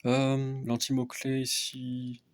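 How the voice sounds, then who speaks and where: A young man softly explaining a card game deck as casual gameplay commentary, often hesitant with fillers. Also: completely flat delivery, slow pace. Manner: speaks softly, low volume. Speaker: card game content creator.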